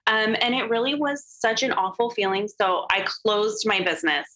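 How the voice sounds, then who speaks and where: A woman's voice: medium pitch, normal speed, bright, forceful tone, soft background music, poor audio. A woman speaking as a podcast guest about her photography business, telling an emotional personal story openly and filling her talk with "like" and "um". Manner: emotional and open, heavy use of "like" and "um" fillers.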